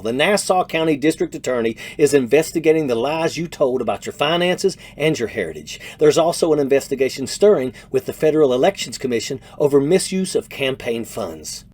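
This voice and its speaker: A man's voice: fairly high pitch, darkish tone. An American man in his fifties delivering scripted political commentary in a blunt, scornful manner. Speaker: political commentator, retired army major.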